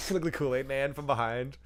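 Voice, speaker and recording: Casual podcast co-host, male, rambling and profane, mid-pitched, laughs a lot. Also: normal speed. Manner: rambling, profane, laughs often, acts out silly voices. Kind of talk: casual movie review chat.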